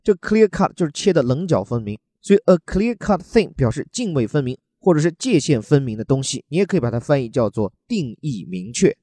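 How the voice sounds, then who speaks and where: Chatty english teacher guy from china, spells words out, dark mellow voice, dry close mic. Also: a little high, sing-song, brisk, hardly any pauses, no room sound. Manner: chatty, joking asides, spells words out letter by letter. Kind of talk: explaining English vocabulary from a news article.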